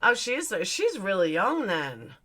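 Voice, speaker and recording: A woman in her forties hosts a livestream, casually reading out and answering viewer comments, blunt and swearing now and then. Her mid-range voice is very animated and a bit bright, at a measured pace.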